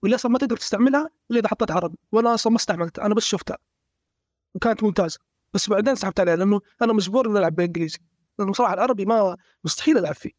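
A man's voice: sits high, rapid-fire, a little mellow, dry recording, clean studio sound. A man in a casual gaming discussion, blunt and emphatic as he complains.

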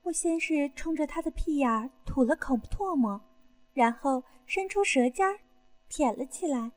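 A woman narrates an erotic audio story in the first person. Her voice is high and light, intimate and breathy throughout. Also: animated, moderate pace, no room sound.

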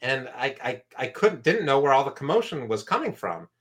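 A man's voice: mid-range voice, very animated, fairly quick. A man from San Francisco telling a story from his youth as a guest, acting out the other voices in it. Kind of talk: storytelling in a conversation.

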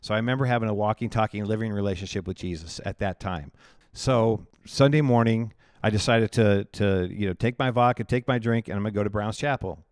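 A man's voice: lowish voice, fairly quick, no room sound, clean studio sound. A male pastor telling his life story in an interview, candid and chatty, often laughing at himself.

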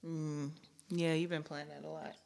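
A woman's voice: deep voice, level tone, normal speed, creaky, darkish tone. A woman co-hosting a podcast, chatting casually with playful, brief interjections. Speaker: podcast co-host. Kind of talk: casual chat.

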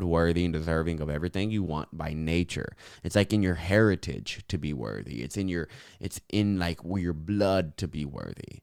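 A young man speaking earnestly and encouragingly as an interview guest, with a slight impediment that softens his r's toward w and affects his s's. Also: low-pitched, clean tone, no room sound, clean studio sound. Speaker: podcast guest. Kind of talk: earnest personal reflection in an interview.

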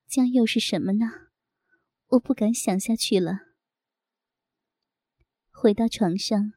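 A woman narrating a first-person audio story in a soft, intimate, unhurried way. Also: a little high, dry recording.

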